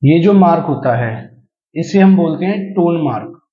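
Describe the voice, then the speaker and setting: A man teaching a language class, explaining slowly and deliberately and repeating key terms, with English phrases mixed in. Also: a little high, animated. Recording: echoey room, dull lo-fi sound.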